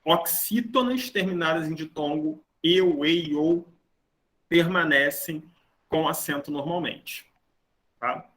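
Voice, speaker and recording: A man's voice: a little high, takes it slowly, a bit bright. A man teaching a grammar lesson to a class, explaining rules step by step and often checking that students are following. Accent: Brazilian Portuguese. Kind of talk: online grammar lecture.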